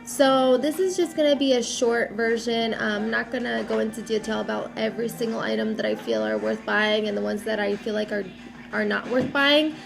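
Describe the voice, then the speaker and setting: A young mom vlogger chats casually to the camera, her voice slightly raspy and gravelly with fry because she has a cold. She pitches a little higher than most women and talks at a normal speed, animated and unscripted, with plenty of "um" and "like."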